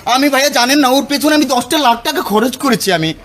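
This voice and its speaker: A man pleading dramatically in a street confrontation, breaking into shouts, recorded outdoors with onlookers. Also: extremely high pitch, brisk. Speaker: spurned lover in a street dispute. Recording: outdoor street crowd noise.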